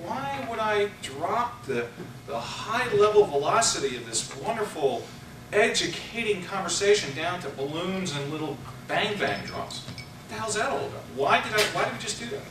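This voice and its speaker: A man running a live sales training seminar in a large room, animated and playful, shouting instructions to volunteers. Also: high voice, moderate pace. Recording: echoey room recording from far off, noisy.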